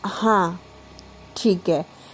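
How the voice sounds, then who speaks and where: A woman's voice: on the low side, extremely slow, slight background noise, voice pushed down, poor audio. A woman storyteller voicing a tipsy young woman who misses her wife, talking in a slurred, dragging, childish way. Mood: drunk bossy. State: drunk on bhang.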